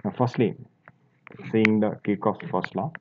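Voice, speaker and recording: A man's voice: fairly low pitch, steady tone, measured pace, slight background noise. A man teaching a physics lesson, explaining step by step as he draws, with fillers and restarts. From India. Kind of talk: classroom lecture while drawing. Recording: tinny phone-like audio.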